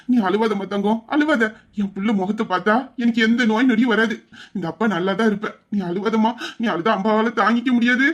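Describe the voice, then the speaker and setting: A man voicing a tender middle-aged father who soothes and reassures his married daughter. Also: high-pitched.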